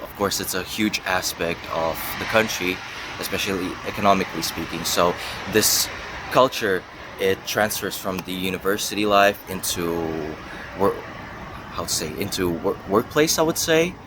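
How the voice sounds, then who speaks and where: A young adult university student from Russia and the US gives casual interview answers, thinking aloud and hedging as he goes. He has a deep voice and speaks at a normal speed, with a noisy background.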